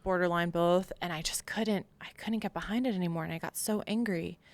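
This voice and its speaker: An American woman from Long Island, New York, a military veteran, appears as a podcast guest and gives a candid, emphatic personal account, acting out remarks she remembers. Her voice is on the low side and fairly quick, with no echo.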